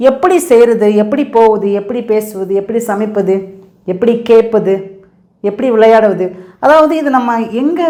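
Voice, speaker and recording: A woman's voice: a little high, dark tone. Woman teaching English, echoey room. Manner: repetitive, drilling with quick questions and answers. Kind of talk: casual teaching in Tamil and English.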